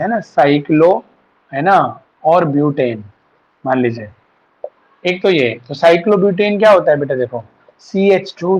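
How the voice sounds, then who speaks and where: A man teaching a chemistry class online, patiently talking students through formulas and mixing in English terms. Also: on the high side. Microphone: online class setup. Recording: dull lo-fi sound.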